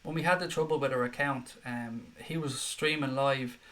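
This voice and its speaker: A man's voice: mid-range voice, steady tone, moderate pace, fairly bright tone. Chatty Dublin Irish man with a head cold. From Dublin, Ireland. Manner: chatty, matey, reads messages aloud and answers them. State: slight head cold, swallowing a lot. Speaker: live stream host reading viewer comments. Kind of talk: casual live-stream chat.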